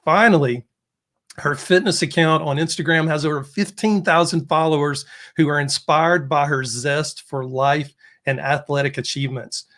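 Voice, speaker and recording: A male podcast host with a voice a little higher than most men's. He reads a guest's introduction, then moves into an easy interview with brief encouraging replies. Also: fairly even intonation, normal speed, a bit bright. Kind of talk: interview hosting.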